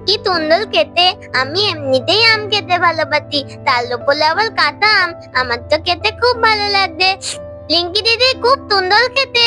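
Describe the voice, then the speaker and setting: A woman voicing Isha, a cheerful little girl who loves sweets, talking in a bubbly, excited way in a doll cartoon, with light children's music behind. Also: extremely high pitch, normal speed, full character voice. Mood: delighted.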